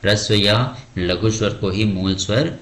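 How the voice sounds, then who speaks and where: Male teacher, rather low voice, exam-prep lesson, asks himself questions and answers, calls listener bhai. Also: a little slow, a bit bright. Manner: explains with frequent rhetorical questions and answers them himself; addresses students as "bhai".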